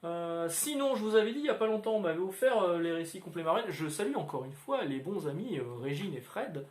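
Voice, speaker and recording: A man hosting a casual comics chat, rambling and filling pauses with hesitant sounds. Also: sits high, expressive, a little mellow, slight background noise. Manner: rambling, many filler sounds. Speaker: comics video host. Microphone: standalone microphone. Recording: roomy echoey room.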